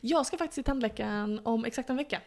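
A woman's voice: a little high, creaky, a little mellow. A woman co-hosting a podcast in casual chat, playful and teasing, often laughing. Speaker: podcast co-host.

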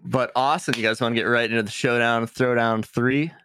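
A man's voice: medium pitch, steady tone, fairly quick, fairly bright tone, clean tone, no room sound, clean studio sound. A man co-hosting a casual podcast, talking like a slangy, sweary fan. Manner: slangy, profane, filler-heavy fan talk. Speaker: podcast co-host.

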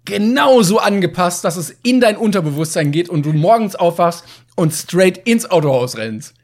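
Male podcast co-host, slightly high voice, dry joker, relaxed casual chat. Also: moderate pace.

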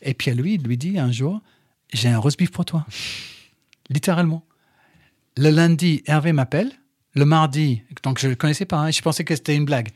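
Man with English accent, lively storyteller, slightly high voice, dry studio sound. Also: brisk, no echo. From England. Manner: animated storyteller, fillers and restarts. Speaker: podcast guest. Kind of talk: casual conversation.

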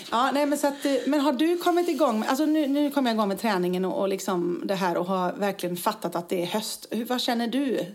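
A woman co-hosting a casual chat show, telling anecdotes, acting out quotes and laughing often, tired after a busy week. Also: a little high. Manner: chatty storyteller, acts out quotes, laughs often. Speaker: podcast co-host.

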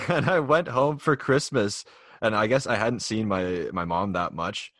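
A man's voice: lowish voice, a little slow, fairly bright tone, dry recording, studio quality. A young man co-hosting a podcast, talking casually and explaining at length with plenty of fillers and restarts. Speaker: podcast co-host. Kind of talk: casual chat.

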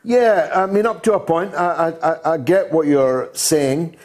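A man's voice: a little high, animated, a little slow, a little mellow. A man hosting a radio phone-in, blunt and emphatic, trading quips with callers. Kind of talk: opinionated talk radio.

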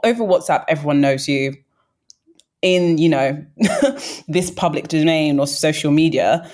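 A woman's voice: low-pitched, a little mellow. A woman chatting conversationally in a discussion, with light laughs mid-sentence. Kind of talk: casual discussion.

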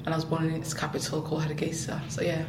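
Flat-voiced Somaliland-born woman, echoey. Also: fast. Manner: explanatory, frequent "um" fillers. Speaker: guest, social activist. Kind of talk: casual interview explanation. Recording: echoey room with faint rumble.

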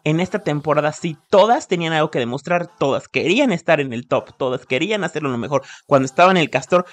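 A man's voice: a little high, lively intonation, fast, no room sound. A man, co-hosting a podcast in casual, opinionated chat. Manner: opinionated, outspoken critic. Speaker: podcast co-host.

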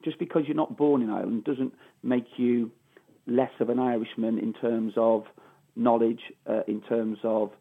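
This middle-aged ex-footballer from Manchester, England, carries a Mancunian accent and answers interview questions over a phone call, repeating phrases emphatically. He speaks at normal speed in a gravelly, mid-range voice with a steady tone.

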